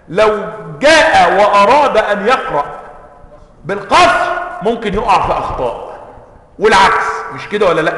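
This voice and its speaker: A man's voice: high voice, bright, forceful tone. A man with an Egyptian Arabic accent teaching a classroom lecture as a sheikh, constantly checking in with listeners through rhetorical questions. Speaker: sheikh teaching a book on Quran sciences. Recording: echoey hall with long reverb.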